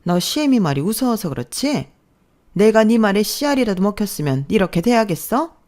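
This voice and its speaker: A woman's voice: medium pitch, big pitch swings, brisk, darkish tone, pitched above the performer's own voice, close to an everyday voice. A woman voicing an overbearing middle-aged mother-in-law who talks in a demanding, sneering way. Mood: bossy sneering.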